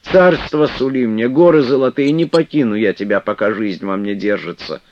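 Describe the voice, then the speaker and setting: A man's voice: medium pitch, normal speed, dry recording, pitched above the performer's own voice, close to an everyday voice. A man reading the part of a devoted young novice woman who pleads through tears. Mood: tearful. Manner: tearful, pleading. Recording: dull, dry lo-fi recording.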